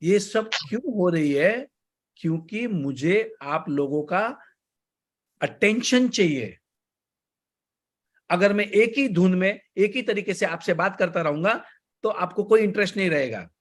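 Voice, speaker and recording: Indian male coach, high-pitched, unhurried delivery, sudden shifts in speed and volume. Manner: varies pace and volume on purpose, mixes Hindi and English. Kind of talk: online class talk.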